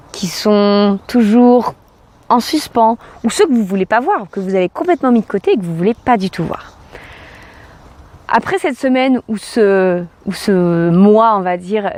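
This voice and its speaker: A young adult woman life coach giving calm, earnest advice straight to camera, asking the viewer rhetorical questions. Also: on the high side. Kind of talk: direct-to-camera advice vlog.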